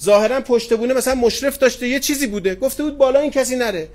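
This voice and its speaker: A man's voice: very high-pitched, darkish tone. A middle-aged man preaching as a cleric, retelling anecdotes with quoted dialogue and tenderly addressing his listeners. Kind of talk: sermon with storytelling. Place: religious gathering hall.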